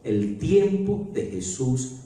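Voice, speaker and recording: A male pastor preaching a sermon in church, swinging between low murmurs and loud climaxes. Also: big pitch swings, slow. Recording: very echoey church hall, mic at a distance.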